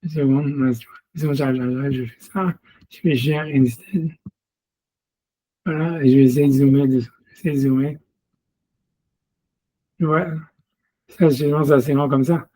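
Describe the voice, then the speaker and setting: A man's voice: mid-range voice, fairly even intonation, normal speed, long pauses, dark tone. A rabbi leading a casual one-on-one text study over a video call. He talks in a chatty way, fills nearly every phrase with "you see", and reads scripture aloud in Hebrew.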